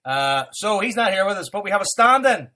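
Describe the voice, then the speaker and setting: A man's voice: high voice, big pitch swings, fairly quick, sharp tone. A man hosting a casual football podcast, full of jokey, sweary banter. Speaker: podcast host.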